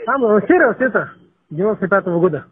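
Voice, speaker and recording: A drunk man speaks in a high, husky voice. He is on a narrow, tinny phone line, casually calling a duty officer with naive, hesitant questions. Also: lively intonation, fast. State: drunk, tipsy. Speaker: caller to a traffic police duty line. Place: phone call.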